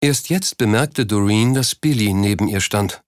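A man narrating an audiobook in an even, steady storytelling manner. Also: fairly low pitch, moderate pace, dry recording, clean studio sound. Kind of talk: scripted narration.

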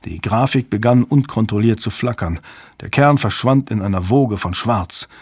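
A man narrating a thriller audiobook in a steady, measured way. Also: lowish voice, slightly rough, dry recording. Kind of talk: scripted narration.

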